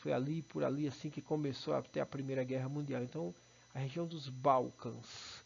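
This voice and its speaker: A man's voice: medium pitch, fairly even intonation, brisk, vocal fry, darkish tone, slightly rough. A man with a Brazilian accent teaching an online lesson, explaining step by step and often checking in with his students. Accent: Brazilian Portuguese. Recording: dull lo-fi recording.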